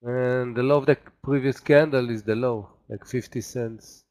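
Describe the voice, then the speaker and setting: A man who is not a native English speaker, a day trader talking casually and haltingly as he thinks aloud through live trades. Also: mid-range voice, steady tone, darkish tone. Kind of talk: casual live trading commentary.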